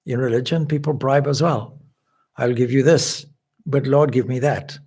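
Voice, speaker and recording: A man from Zimbabwe, a swami, giving a measured, explanatory spiritual lecture. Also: mid-range voice, steady tone, a little mellow, slightly rough. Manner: measured, explanatory, with occasional restarts.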